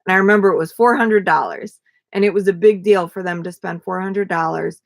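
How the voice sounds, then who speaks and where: A woman's voice: fairly low pitch, brisk, creaky, no room sound. A tired young woman chatting casually to viewers on a live stream, rambling with many fillers. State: tired, yawning.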